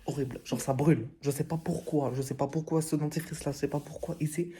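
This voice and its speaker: A woman's voice: low-pitched, fairly even intonation, fast talker, dark tone, breathy edge. A woman hosting a casual vlog, talking bluntly and swearing freely. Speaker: vlog host. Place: bathroom.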